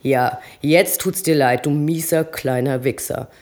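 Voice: mid-range voice, fairly even intonation, unhurried, darkish tone, lightly acted. A reader voicing a brutal, hulking man who taunts and bellows at a younger rival in a bar. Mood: sneering.

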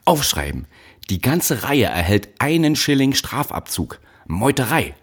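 A man voicing a brutal, bespectacled male factory overseer who shouts threats at child workers, in an audiobook. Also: deep voice, sing-song, measured pace, slightly rough, full character voice. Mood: furious. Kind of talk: audiobook narration.

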